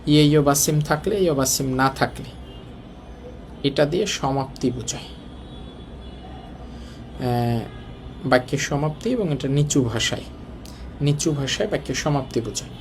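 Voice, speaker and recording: A man's voice: mid-range voice, moderate pace, vocal fry, long pauses, slight background noise. A man with a colloquial Dhaka Bengali accent teaching a Korean lesson, explaining step by step and asking the class rhetorical questions. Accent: Bangladeshi Bengali, colloquial Dhaka speech.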